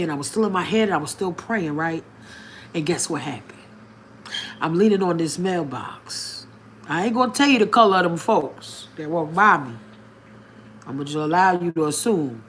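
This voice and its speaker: A woman with a slightly low voice tells her own story directly to her viewers, outspoken and plain-spoken. Her speech is colloquial and punchy, with sudden emphatic lifts. A faint hum sits behind her. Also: expressive, moderate pace. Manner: outspoken and straightforward, colloquial, speaks straight to the audience; emphatic, with sudden rises in pitch and loudness. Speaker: video creator telling a personal story. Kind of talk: candid personal storytelling to viewers.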